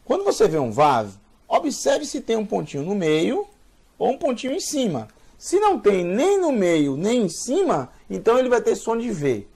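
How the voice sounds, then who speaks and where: A man teaches beginners at an unhurried pace, repeating each word patiently. His voice sits a little high and slightly husky. His pitch swings widely as he stresses syllables. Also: sing-song, a little mellow. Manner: patient, repeats words slowly for learners. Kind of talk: slow spoken language lesson.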